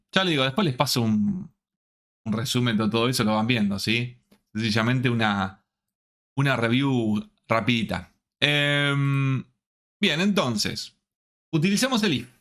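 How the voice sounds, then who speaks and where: A man teaching a programming class online. He speaks slowly and deliberately, with a voice of middling pitch, and keeps checking that the students are following along. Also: fairly bright tone. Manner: slow, checks in often with the students.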